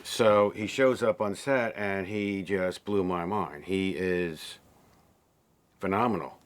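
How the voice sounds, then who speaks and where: A man director talks about his cast in a relaxed, enthusiastic behind-the-scenes chat. His voice sits a bit low, and he often pauses to fill with ums. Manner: relaxed, enthusiastic, many fillers. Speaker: film director. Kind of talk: casual behind-the-scenes interview.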